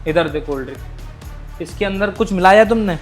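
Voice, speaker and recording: A woman's voice: on the low side, animated, normal speed, faint music behind, natural voice. A woman acting a young husband and protective elder brother in a family skit, asking questions in exasperation. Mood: puzzled. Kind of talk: amateur Hindi web-skit acting.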